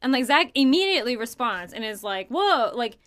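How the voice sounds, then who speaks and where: A young woman co-hosts a casual podcast, her voice a touch high. She tells a spooky story in an animated, rambling way, full of "like" and restarts. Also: brisk. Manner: animated, filler-heavy retelling of a ghost hunt. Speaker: podcast co-host.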